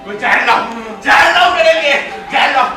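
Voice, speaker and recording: A man's voice: very high voice, expressive, normal speed, music in the background. A man playing a melodramatic old father with overwrought, wailing outbursts. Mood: frantic. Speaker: student stage actor. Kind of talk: stage play acting. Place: large hall stage. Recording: echoey hall from far, crowd noise.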